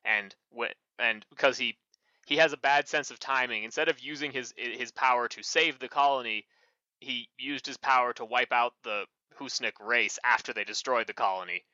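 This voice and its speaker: Man, podcast co-host, casual rambling chat, lots of fillers, sharp bright tone, muffled lo-fi recording. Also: mid-range voice, normal speed, no echo. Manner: rambling, full of fillers and self-corrections. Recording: muffled lo-fi mic.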